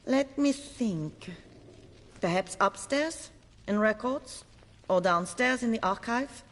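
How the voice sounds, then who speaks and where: A woman's voice: a little high, animated, takes it slowly. An actress playing an officious, unhelpful bank clerk in a video game, prim and condescending in her politeness. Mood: bored officiousness. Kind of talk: scripted video game dialogue. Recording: long reverberant hall.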